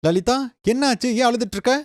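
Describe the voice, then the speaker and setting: A woman voicing a kind, protective young man in a cartoon story, with a lowered, earnest voice. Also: fast, no echo, clean studio sound, natural voice. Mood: caring.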